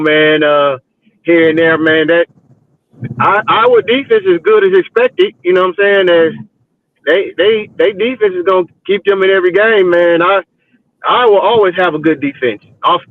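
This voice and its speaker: A man calling in to a football livestream on a choppy line, easygoing and chatty. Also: high-pitched. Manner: easygoing, says "man" a lot. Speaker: call-in guest. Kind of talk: casual football talk. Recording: choppy phone-like call line.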